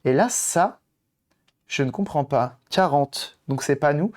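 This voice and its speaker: A hoarse man on a live stream, chatting casually with viewers and thinking aloud as he tinkers with electronics. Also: a little high, lively intonation, slow pace. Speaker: streamer doing electronics modding. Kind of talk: casual live-stream chat while working.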